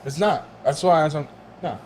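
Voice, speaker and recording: A man telling stories in a casual podcast chat in a barbershop, relaxed and laughing often. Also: on the high side, moderate pace. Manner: laid-back storytelling, laughs often.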